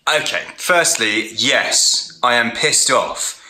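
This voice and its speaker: A man's voice: mid-range voice, slow pace, bright, forceful tone. An actor playing an exasperated, sarcastic young man in a sitcom. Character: Tony, exasperated young man, Darren's best mate. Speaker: supporting character in comedy series. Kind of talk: sitcom acting.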